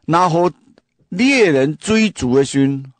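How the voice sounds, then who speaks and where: A man's voice: on the high side, animated, slow, no echo. A man who grew up speaking Hakka hosts a casual storytelling monologue. He talks emphatically, asks the listener many rhetorical questions, and repeats and restarts his phrases. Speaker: host.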